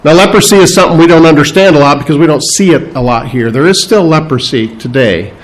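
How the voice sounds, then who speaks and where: A man's voice: on the high side, low-quality recording. A man preaching a verse-by-verse sermon, speaking unscripted with frequent fillers and restarts. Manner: unscripted, halting delivery with many fillers and restarts; explains scripture verse by verse, stressing key words. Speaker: pastor.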